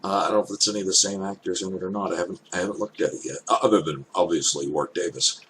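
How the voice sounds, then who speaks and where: An older man with an elderly-sounding voice gives casual off-the-cuff commentary, thinking aloud in halting, hesitant phrases. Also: low voice, steady tone, fairly bright tone. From Canada. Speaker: reaction video host. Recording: clear background noise.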